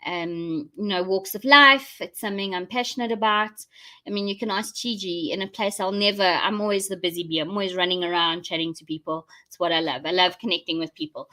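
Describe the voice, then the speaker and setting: A woman's voice: mid-range voice, sharp tone. A South African woman hosting a casual live chat for her viewers, rambling and thinking aloud as she goes. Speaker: host of a live online show.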